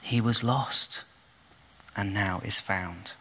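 Man voicing a gentle, forgiving father. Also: fairly low pitch, slow pace, long reverb tail, full character voice. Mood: tender. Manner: tender, calm reassurance.

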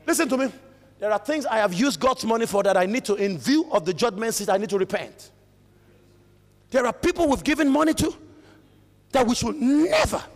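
A man with a Nigerian accent preaching a fervent Pentecostal sermon, calling out and rising to shouts. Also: very high voice, lively intonation, fairly quick, pauses often. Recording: long reverb of a large hall.

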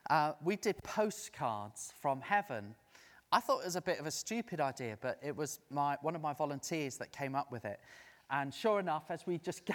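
A man preaching a sermon as a lively storyteller who acts out the voices of the people he quotes. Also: on the high side. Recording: long reverb of a large hall.

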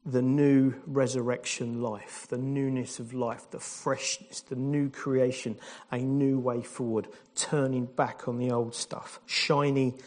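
A man's voice: medium pitch, darkish tone. A man preaching an informal, jokey sermon at a baptism service in church, with fillers and restarts. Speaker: pastor.

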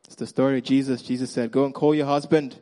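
A fast-talking man with a Nigerian accent and a mid-range voice preaches a sermon as an animated storyteller. He acts out the lines of Bible characters, swinging from loud emphasis to hushed, quiet moments.

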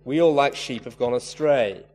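A man's voice: mid-range voice, normal speed, darkish tone. A man preaching a sermon, earnest and emphatic, leaning hard on key words. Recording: reverberant hall, faint hum.

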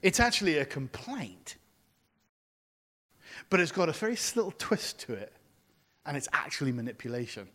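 A pastor teaching from the pulpit, his fairly high voice carried by the long reverb of a big hall. He slips into animated impressions of the people he quotes, then drops back into plain teaching. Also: moderate pace, pauses often. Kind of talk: teaching sermon.

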